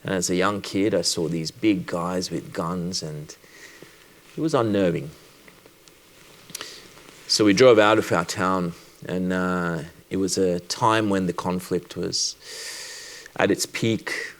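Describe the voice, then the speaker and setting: A doctor from Sri Lanka with a deep voice speaks at a conference, talking about something personal. His delivery is measured and reflective, marked by deliberate pauses.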